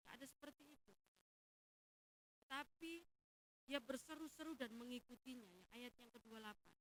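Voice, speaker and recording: Woman pastor, animated sermon delivery, bright and high. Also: normal speed, a little hiss or hum, poor audio. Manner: animated, acts out the congregation's complaints in a raised voice. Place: church.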